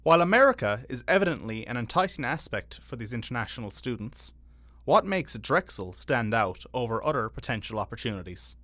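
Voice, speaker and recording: A man's voice: medium pitch, very animated, a little fast, pushed and bright, no echo. A man reading scripted news narration and interview questions as a reporter.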